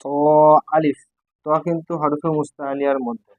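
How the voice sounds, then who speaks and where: A man's voice: a little high, flat delivery, a little fast, no room sound, dull audio. A man teaching Quran reading, spelling out letters one by one and repeating each syllable for learners. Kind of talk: step-by-step recitation lesson.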